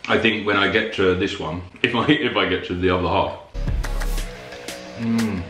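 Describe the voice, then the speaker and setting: A man's voice: deep voice, fairly even intonation, moderate pace, a bit bright. A man co-hosting a food challenge vlog, chatting in a wry, joking way. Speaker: host's partner and co-host. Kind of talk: casual chat on camera. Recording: echoey room, faint music.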